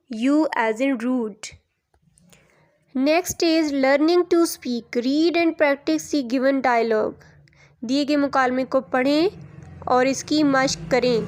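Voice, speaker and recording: High-voiced, slow woman teacher. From Pakistan. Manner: spells words out sound by sound, switching to Urdu to explain. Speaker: English teacher. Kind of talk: recorded classroom lesson.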